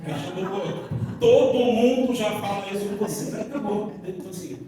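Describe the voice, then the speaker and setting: A man's voice: sits high, brisk, crowd noise. Give me a Brazilian man giving a casual, joking seminar talk, heard from far away in a very echoey hall. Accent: Brazilian Portuguese. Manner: chatty and jokey, uses slang, acts out little quotes. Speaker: seminar speaker. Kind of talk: informal lecture. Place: large hall before an audience.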